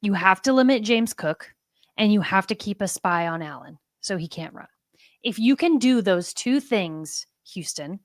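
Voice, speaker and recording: A woman's voice: medium pitch, no echo, studio quality. Woman talking football in casual chat. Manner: conversational, agreeable, thinks aloud. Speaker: podcast co-host.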